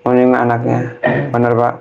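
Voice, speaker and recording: A man, a ruqyah cleric gently guiding a family through prayer and rising into fervent pleas. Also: mid-range voice, completely flat delivery, brisk, creaky, muffled recording.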